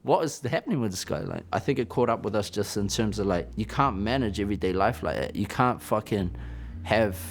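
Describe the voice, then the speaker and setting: A man's voice: lowish voice, brisk, a little hiss or hum. A young man, a musician telling stories frankly in a documentary interview, swearing freely. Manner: profane, frank storytelling with laughs.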